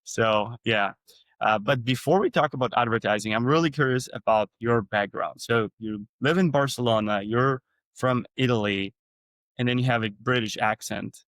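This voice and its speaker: A European man hosting a podcast asks curious questions in a chatty, casual interview. His mid-range voice is fairly bright and moderately paced, in a dry recording.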